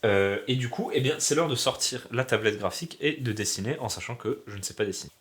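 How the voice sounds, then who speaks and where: A man's voice: mid-range voice, lively intonation, fast, a bit bright. A man from Alsace, sick with a sore throat and coughing, chatting in a slangy, self-mocking, rambling vlog about making a game. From Alsace, France. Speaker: hobby game developer vlogger. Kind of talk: casual vlog chat.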